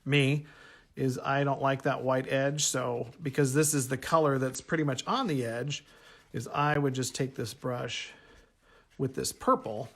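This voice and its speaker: An art instructor leads a painting workshop from a table in his home art workspace, speaking in a medium-pitched, fairly bright voice. He's casual and chatty, thinking aloud as he works and correcting himself along the way.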